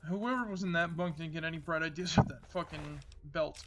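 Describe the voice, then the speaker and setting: A man's voice: on the high side, fairly quick, a bit bright, slight background noise. A man giving casual, profane let's play commentary, muttering to himself as he plays. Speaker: video game player.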